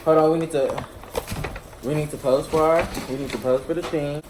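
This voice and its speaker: A man hosts a casual seafood mukbang vlog, playful and chatty, often repeating himself and letting sentences trail off. His voice is a little high and steady in tone, his pace a little fast, and the background is noisy.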